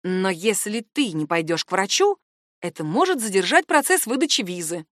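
A woman voicing a calm, persistent male AI assistant who speaks in a measured, soothing way. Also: medium pitch, no echo, studio quality. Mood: calm, insistent.

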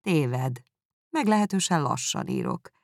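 A woman reading aloud, voicing a reserved, proud young gentleman who speaks in a cool, measured way. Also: very deep voice, huge pitch swings, creaky, dry recording, clean studio sound, voice pushed down, heavily acted. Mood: curt. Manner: cool, measured, dryly critical.

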